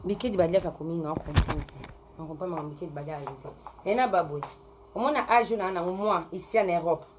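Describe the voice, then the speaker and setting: A woman's voice: fairly low pitch, fast talker, noisy background. A woman from Congo, ranting angrily on a live video. She repeats herself, drags some words out and punches others hard. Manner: heated, repetitive, stretches some words and hammers out others. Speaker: vlogger. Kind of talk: angry live-video rant.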